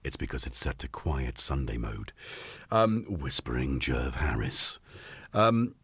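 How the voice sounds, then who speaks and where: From his home music studio, a man hosts a casual livestream, rambling, joking and frequently cutting himself off mid-sentence. He has a bass voice that is very animated yet unhurried, fairly bright and slightly rough, and the recording is dry.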